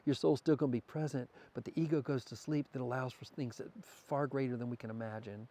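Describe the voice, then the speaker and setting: Man, podcast guest, mid-range voice, thoughtful, philosophical, thinks out loud, candid interview talk. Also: mid-range voice, fairly even intonation, fast. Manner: reflective, philosophical, thinks aloud with restarts.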